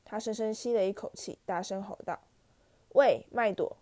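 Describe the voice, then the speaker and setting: Mellow-voiced woman storyteller. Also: medium pitch, fairly even intonation, fairly quick. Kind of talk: audiobook narration.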